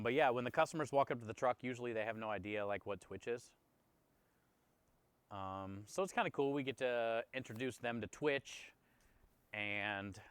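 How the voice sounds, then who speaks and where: Hosting a livestream, a man who runs a food truck talks casually and appreciatively with viewers. He has a smooth, medium-pitched voice with a fairly bright tone.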